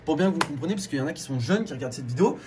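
A man's voice: fairly high pitch, animated, very fast, noisy background. A man from France, a YouTuber co-host, casually explaining things to his viewers with many restarts and fillers.

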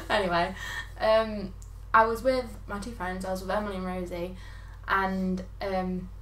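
A woman's voice: medium pitch, fairly even intonation, measured pace, a bit bright, far from the mic. A young woman, a guest in a casual chat who laughs often as she tells a story. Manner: giggly, laughs often while telling a story. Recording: echoey room with faint background noise.

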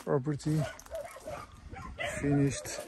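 A Portuguese real estate agent talks slowly in halting, simple English with short phrases during an informal walkthrough of a rural farm property outdoors. His voice is on the high side, creaky, with little pitch movement. He holds the phone or camera himself, and faint background noise comes through the outdoor recording.

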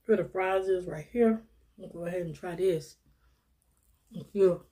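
This mukbang vlogger, a woman in her fifties, talks easily to her audience between bites, addressing them as y'all and little sis. She speaks at a measured pace in a fairly low, mellow voice.

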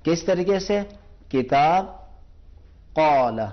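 A man's voice: on the high side, animated. Man teaching recitation, dull broadcast sound. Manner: patient, demonstrates sounds by repeating them slowly. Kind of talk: televised pronunciation lesson.

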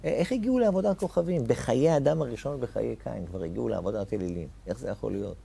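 A man's voice: mid-range voice, expressive, vocal fry, dark tone, husky. A man teaching a Torah lesson as a rabbi, posing rhetorical questions and repeating key phrases with emphatic rises on important words.

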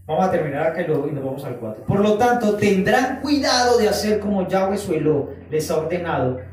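High-voiced man preaching, very echoey. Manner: animated, acts out quoted voices, drawn-out emphatic phrases. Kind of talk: sermon. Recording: echoey room, voice from far off the mic.

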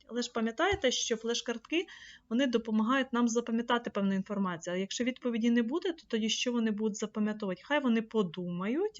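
A woman trainer teaching an online course, explaining a screen-share tutorial step by step and addressing viewers directly. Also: medium pitch. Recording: slightly dull lo-fi mic.

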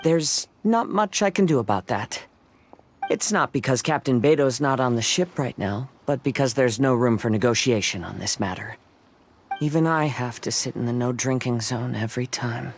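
A man voicing a polite, gentle young male samurai in a game, speaking in a courteous, even way. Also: mid-range voice, moderate pace, background noise, natural voice.

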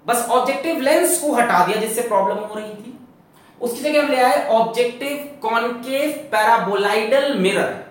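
A man teaching a physics lecture, lively and full of rhetorical questions, mixing English terms into his explanation. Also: extremely high pitch. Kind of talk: classroom lecture. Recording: echoey classroom from far off.

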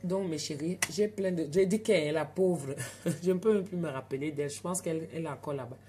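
African french lady chatting on a live stream from home, bit low voice, faint hiss behind. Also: fairly quick. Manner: chatty, animated, talks straight to viewers. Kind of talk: casual storytelling live stream. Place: home at night.

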